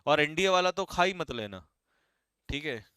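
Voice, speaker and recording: Brisk male vocabulary teacher. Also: a little high, animated, bright, forceful tone, smooth, no room sound, studio quality. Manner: brisk, quizzing students and teasing them. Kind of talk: live online exam-prep class.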